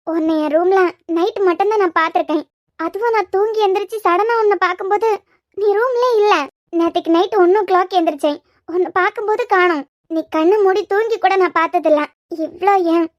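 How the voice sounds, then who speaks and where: A woman's voice: very high voice, dry recording, lo-fi sound. A woman voicing an earnest, scolding young woman in a cartoon series, with a Kanyakumari Tamil accent. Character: young woman, scolding yet tender roommate. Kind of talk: cartoon web series voice acting.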